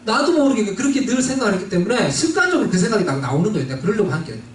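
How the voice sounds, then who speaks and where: A man delivers a storytelling sermon in a high, animated voice that rises and falls widely. He sits back from the microphone in a roomy church, with faint noise underneath. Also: racing, distant mic. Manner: storytelling, switching between Korean and English. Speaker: pastor. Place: church sanctuary.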